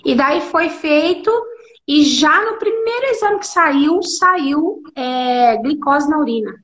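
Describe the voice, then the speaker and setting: Woman guest, 40s, high voice, emotional storyteller, mimics quoted dialogue. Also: lively intonation, slow pace, a bit bright. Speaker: guest, clinical nutritionist. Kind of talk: interview conversation.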